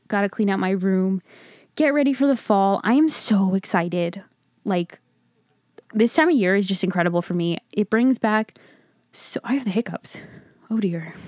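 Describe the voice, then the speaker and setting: Chatty young woman, smooth dry voice. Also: lowish voice, darkish tone, no room sound. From Long Island, New York. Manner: chatty, rambling, upbeat. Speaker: podcast host. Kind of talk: casual solo podcast chat. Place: home.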